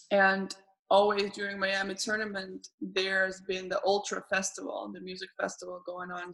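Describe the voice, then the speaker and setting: A woman tennis player in casual conversation, talking haltingly with frequent restarts and repeated words. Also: mid-range voice, sharp tone, rough recording.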